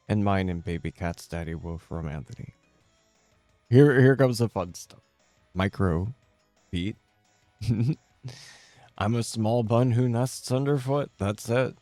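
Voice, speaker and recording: A man chatting casually as a game streamer, answering viewers' questions in a laid-back, rambling and halting way. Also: low-pitched, vocal fry, a little mellow, dry recording.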